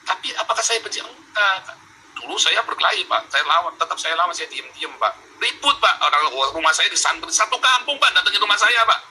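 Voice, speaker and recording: A man's voice: high-pitched, animated, fairly quick, bright, forceful tone, a little hiss or hum, poor audio. A man from Indonesia talking in a remote interview, emphatic and heated, repeating words and calling the interviewer Pak. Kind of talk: remote interview, animated storytelling. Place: abroad in Europe.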